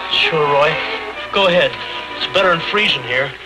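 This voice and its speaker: Actor as guilt-ridden young western man, higher-pitched. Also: moderate pace, close to an everyday voice, rough recording. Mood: remorseful. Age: young adult. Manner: earnest, pleading. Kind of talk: 1940s western film acting. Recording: old 1940s film soundtrack with music.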